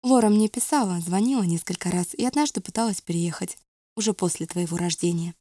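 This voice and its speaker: A woman's voice: fairly low pitch, fairly quick, dark tone, dry recording, lightly acted. A woman reading the lines of a curt, detached middle-aged aunt in an audiobook. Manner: dry, detached.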